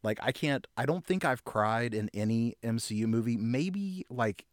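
A man co-hosting a podcast in casual chat, earnest and halting, restarting his sentences often. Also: medium pitch, expressive. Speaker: podcast co-host.

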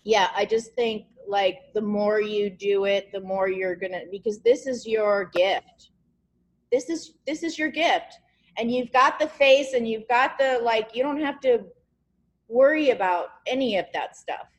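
Speaking unhurriedly in a fairly high pitch, a woman hosts a podcast via video call. She keeps things casual and encouraging, wandering a bit and often hunting for words.

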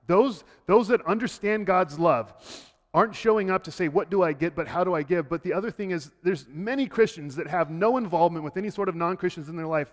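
A man preaching a sermon as pastor, swinging between loud, high bursts and hushed low passages, often repeating words as he starts a thought. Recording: long hall reverb.

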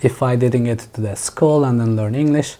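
A man from Turkey with a Turkish accent, speaking English as a podcast guest in a relaxed, thoughtful way, often restarting his sentences. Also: medium pitch, moderate pace. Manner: thoughtful, many restarts and fillers. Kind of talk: casual interview chat.

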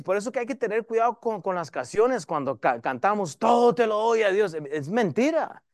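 A man preaching a sermon as pastor, in a lively, conversational way and addressing the congregation as brothers. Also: high-pitched, no echo, clean studio sound. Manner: lively preaching, varies loudness and pace.

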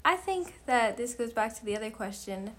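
A woman's voice: a little high, expressive, moderate pace, fairly bright tone, a little hiss or hum. A young woman talking with her mother, hesitant and full of fillers, trailing off into whispers. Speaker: daughter. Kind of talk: casual conversation.

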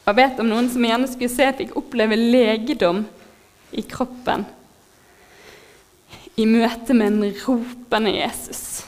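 Woman preacher, fairly high voice, heartfelt and moved, halting sermon delivery. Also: fairly even intonation. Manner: heartfelt, moved, laughs softly, pauses with fillers.

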